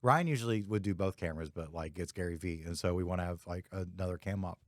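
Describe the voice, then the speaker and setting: A man's voice: sits low, fast, no room sound, studio quality. A man hosting a podcast, chatting casually in a laid-back, rambling way full of fillers. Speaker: podcast host, photographer. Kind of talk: casual chat.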